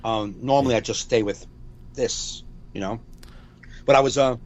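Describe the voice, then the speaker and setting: A man's voice: mid-range voice, normal speed, muffled recording. A man in his forties, a comedian co-hosting a podcast, rambling in casual chat over a video call, repeating himself and swearing freely. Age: 40s.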